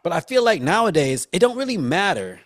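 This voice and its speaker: A man's voice: high-pitched, big pitch swings, brisk, a bit bright. A man hosting a casual movie podcast, chatting informally with a teasing, salty-tongued manner. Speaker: podcast host.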